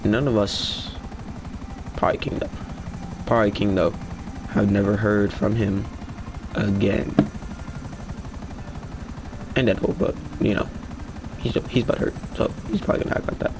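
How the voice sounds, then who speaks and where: A man's voice: lowish voice, steady tone, a little slow, long pauses, noisy background. A young man casually narrating a gaming story in a slangy, swearing storytime style. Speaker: gaming vlogger.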